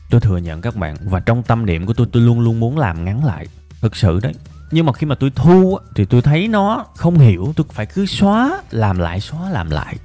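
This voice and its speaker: A man's voice: fairly low pitch, mellow. A man, teaching an English listening method in an emphatic, coaxing way, speaking straight to viewers. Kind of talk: lively motivational lesson.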